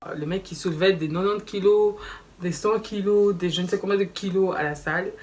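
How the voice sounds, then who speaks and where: A young woman telling a story in a casual vlog, animated and slangy, acting out quoted dialogue. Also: medium pitch, fairly quick. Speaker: vlogger. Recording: slightly distant mic with faint background noise.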